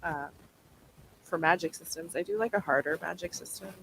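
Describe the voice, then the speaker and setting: A woman's voice: on the low side, a little fast, a bit bright. A woman talking informally and conversationally in a casual livestream chat. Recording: clearly noisy livestream audio.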